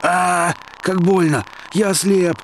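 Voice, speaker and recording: A man voicing an irritable rich male tourist who grumbles, shouts and panics, over a steady background hiss. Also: medium pitch, quick pace, pitched above the performer's own voice, close to an everyday voice. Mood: panicked.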